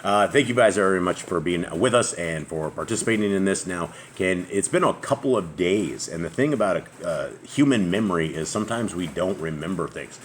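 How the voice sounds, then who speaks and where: An expressive man with a very deep, booming voice reads aloud with pauses, leading a family scripture reading during a casual Bible study. He's in a house open to the outside under a noisy roof, with faint outdoor noise in the background.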